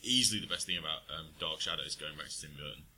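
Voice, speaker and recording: Talking fast in a deep voice with a bright, slightly sharp tone, this man co-hosts a relaxed podcast conversation. He wanders through his ideas hesitantly, full of ums, fillers and restarts, and a faint noise sits beneath the recording.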